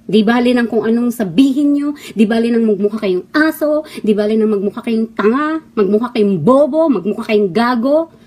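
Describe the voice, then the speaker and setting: A woman's voice: fairly high pitch, expressive, normal speed, warm tone. A middle-aged woman from the Philippines, a former actress, delivering a heated, scolding monologue full of mocking rhetorical questions. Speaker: former actress giving opinions. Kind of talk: impassioned monologue. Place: abroad, away from the Philippines.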